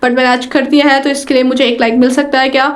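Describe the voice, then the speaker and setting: A woman's voice: high voice, little pitch movement, quick pace. A young woman in her twenties from Delhi with an Indian English accent, giving chatty, encouraging tips on learning English in a casual vlog and often restarting her sentences. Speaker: beginner vlogger teaching spoken English. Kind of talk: casual talking-to-camera vlog.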